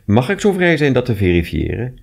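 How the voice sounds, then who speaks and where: A man voicing an officious male inspector in a storybook reading, brisk and louder than the narration. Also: mid-range voice, huge pitch swings, gravelly, voice pushed up, full character voice.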